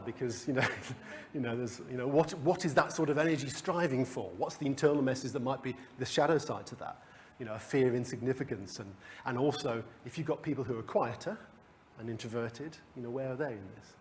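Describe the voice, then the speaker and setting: A man's voice: on the high side, a little hiss or hum. A man leading a coaching workshop for a live group, talking conversationally with restarts and chuckles. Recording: long hall reverb.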